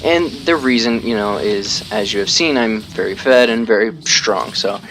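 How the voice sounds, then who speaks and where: A man's voice: on the low side, expressive, normal speed, fairly bright tone, slight background noise. A man giving casual live commentary over his own gameplay, explaining tactics as he plays, thinking aloud and poking fun at his own mistakes. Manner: explains tactics while playing.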